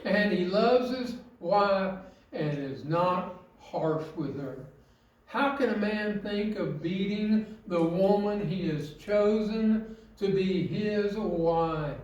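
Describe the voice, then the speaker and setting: Echoey, high-voiced man preaching on marriage. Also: a little mellow, distant mic, dull audio. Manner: earnest, rhetorical questions, slow emphatic phrasing. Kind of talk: sermon. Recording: very echoey, from off mic.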